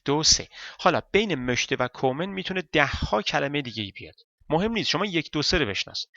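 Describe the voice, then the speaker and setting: A man whose first language is Persian, teaching a German lesson step by step and reading German sentences slowly. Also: a little high, vocal fry, bright, forceful tone, no room sound, highs cut off. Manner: explains step by step, counting parts aloud; reads German slowly and deliberately.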